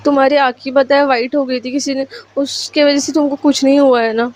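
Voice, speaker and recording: A woman's voice: sits high, little pitch movement, fairly quick, a little hiss or hum, close to an everyday voice. Woman voicing an anxious, caring young woman. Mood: worried. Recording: lo-fi recording.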